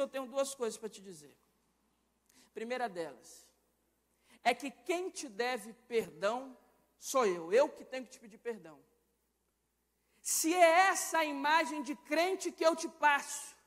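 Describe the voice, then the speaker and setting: A young Brazilian man preaches with a strikingly high voice. His delivery is impassioned and swings from loud, emphatic lines to hushed ones. A long church-hall reverb trails every phrase. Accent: Brazilian Portuguese. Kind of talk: sermon.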